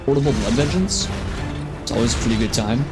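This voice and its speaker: A man's voice: medium pitch, expressive, fairly quick. A man chatting casually as a VTuber while he plays a game on a live stream, talking to his viewers. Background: game music.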